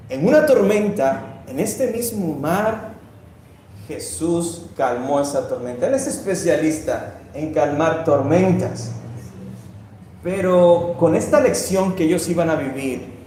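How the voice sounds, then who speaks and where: A man preaching a sermon, building drama with rising pitch and volume for emphasis, then dropping to a hushed tone. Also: animated, slow pace. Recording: echoey room with faint noise.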